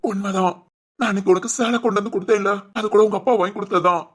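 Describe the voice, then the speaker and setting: A woman voicing a faltering dying father, husky. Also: medium pitch, fairly even intonation, rapid-fire, close to an everyday voice. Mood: gentle remorseful. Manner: breathless, faltering, apologetic. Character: dying middle-aged father, humble and remorseful. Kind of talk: doll-film voice acting.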